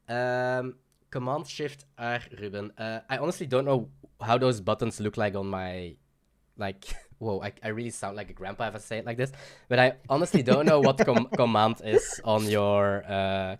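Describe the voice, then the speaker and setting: A young man casually commentating a card game livestream, rambling with fillers and laughs. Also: mid-range voice.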